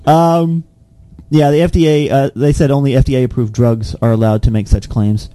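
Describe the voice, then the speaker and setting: Young male co-host, jokey casual news reader, warm dark tone. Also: mid-range voice, level tone, fairly quick, no room sound. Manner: joking, laughs often, reads headlines aloud. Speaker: podcast co-host reading tech news.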